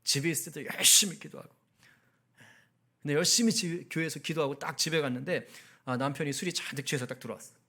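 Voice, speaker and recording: A male pastor preaches to his prayer meeting in a notably high voice. He talks in a chatty way, puts questions to the congregation and acts out heated outbursts to make his points. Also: quick pace, pushed and bright, husky. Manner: conversational, asks the congregation questions; acts out angry outbursts in quoted speech. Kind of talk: sermon at a midweek prayer meeting.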